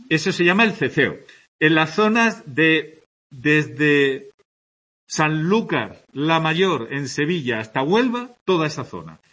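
Teaching a class about Spanish dialects, a tired man from Andalusia speaks with an Andalusian accent in a slightly rough, fairly bright, somewhat high voice. He keeps his lecture conversational, pausing often to check in with students.

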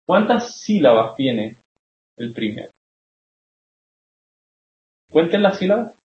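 Very animated yet slow-paced, a young literature teacher with a fairly high voice lectures his class on poetry. He explains as he goes, regularly checking with questions that everyone follows along. It's a dull, roomy classroom recording.

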